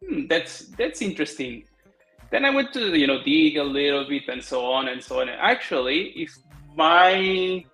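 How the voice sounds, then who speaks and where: A man from Portugal with a Portuguese accent, talking as a guest on a video call, halting, with many restarts. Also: fairly high pitch, sharp tone, echoey room, poor audio. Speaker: guest software developer. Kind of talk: casual interview over video call.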